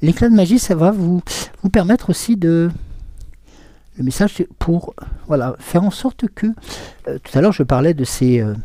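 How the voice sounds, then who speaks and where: A man's voice: fairly high pitch, dark tone, no room sound. A man giving a live oracle card reading, hesitant and full of fillers, answering viewers' comments as he goes. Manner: hesitant, many fillers and restarts.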